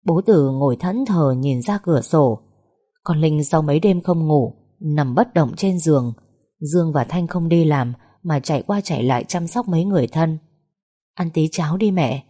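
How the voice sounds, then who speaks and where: Woman storyteller, deep mellow voice, mournful audiobook narration.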